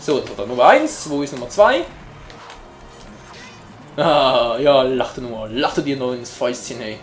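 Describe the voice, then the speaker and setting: Jokey, lively let's-play guy. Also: mid-range voice, a little slow, echoey room, faint music behind. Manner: jokey, chatty, talks to viewers. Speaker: let's player. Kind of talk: casual gameplay commentary.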